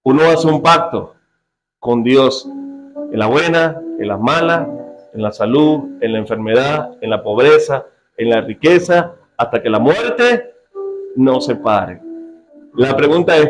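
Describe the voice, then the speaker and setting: A man's voice: medium pitch, measured pace, music in the background, poor audio. A man preaching a sermon to a church congregation, joking and often asking the listeners questions. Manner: lively, joking preacher who quizzes his congregation. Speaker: pastor.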